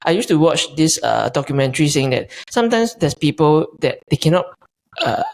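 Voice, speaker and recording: Co-host explaining calmly. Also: male voice, a little high, fairly quick, gravelly. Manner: explaining, hesitant with fillers. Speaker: podcast co-host. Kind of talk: casual podcast chat.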